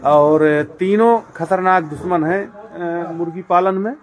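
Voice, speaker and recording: A man's voice: high-pitched, steady tone, takes it slowly. A man showing viewers around his poultry farm, explaining step by step with many fillers and repetitions. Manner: addresses viewers directly as friends and brother. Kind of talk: casual walk-through demonstration.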